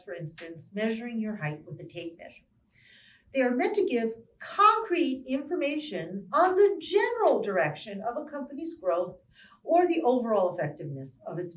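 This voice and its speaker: A woman professor giving a recorded lecture on marketing, explaining clearly and stressing key words deliberately. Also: medium pitch. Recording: roomy sound from a distance from the mic.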